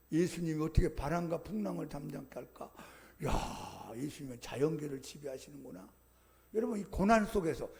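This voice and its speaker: A man preaches a Sunday sermon in a high, gravelly voice. He drives his points home by repeating short exhortations, each one pressed with force. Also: a little mellow. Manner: emphatic, repetitive exhortation with rising calls. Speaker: pastor.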